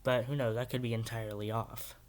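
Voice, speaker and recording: A man's voice: mid-range voice, level tone, a little fast. A man hosting a casual video reaction, rambling and hesitant, with many filler words. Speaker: YouTube reaction host.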